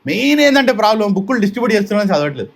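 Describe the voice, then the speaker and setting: A man's voice: sits high, sing-song, very fast. A man giving a devotional sermon at a home gathering, emphatic and full of rhetorical questions, slipping into English now and then. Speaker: devotional speaker. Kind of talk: sermon-style storytelling.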